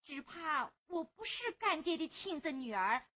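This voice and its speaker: A woman's voice: sits high, very animated, unhurried. A woman playing a young woman pleading for justice in Huangmei opera, earnest and tearful, on a dull lo-fi recording. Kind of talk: Huangmei opera stage acting.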